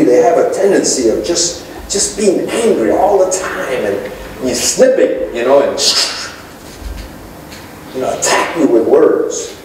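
A man's voice: fairly high pitch, warm tone, slight background noise. A middle-aged man preaching a sermon from the pulpit to his congregation, calling out to them as he gestures. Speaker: pastor. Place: church sanctuary with congregation. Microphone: pulpit microphone, filmed from far back. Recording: echoey church from a distance.

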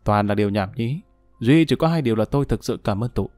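A man's voice: fairly low pitch, animated, fast, darkish tone, no echo, soft background music, close to an everyday voice. A man playing a condemned male murderer who talks in a gloomy, self-pitying way. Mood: remorseful.

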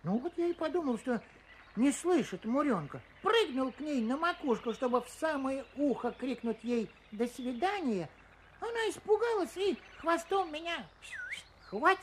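An actor playing a chatty, eager little male grasshopper in a children's audio story, hesitant and rambling in an excitable way. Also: moderate pace, a little hiss or hum, low-quality recording. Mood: chatty, recounting. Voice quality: high-pitched, small voice.

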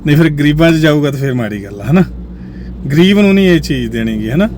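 A male host talking to viewers in a musing way, often sinking to a low quiet voice. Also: lively intonation, fast talker, slight background noise. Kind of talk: reflective commentary to viewers.

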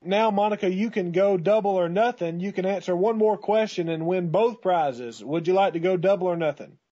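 Guy doing upbeat booming prize announcer, radio quiz sidekick, high voice, dull audio. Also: moderate pace, warm tone. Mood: showy. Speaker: prank radio co-host. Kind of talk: scripted radio game-show patter. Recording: dull lo-fi prank call audio.

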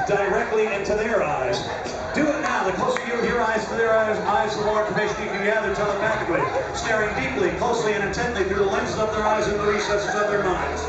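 High-pitched male stage hypnotist in echoey theatre. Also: far from the mic. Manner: commanding, deliberate, repetitive instructions. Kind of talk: live stage hypnosis show, giving commands to participants. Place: large dark theatre, recorded from audience seats. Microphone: handheld stage mic through speakers, picked up by distant camera. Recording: very echoey, noisy crowded theatre from the audience. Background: loud crowd and noise.

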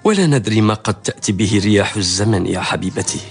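Casting: loving, sensible husband, lowish pitch, measured period radio style, faint music. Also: male voice, expressive. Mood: earnest. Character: prudent, loving husband, gently counselling. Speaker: actor in a historical radio serial. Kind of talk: radio drama acting in formal Arabic.

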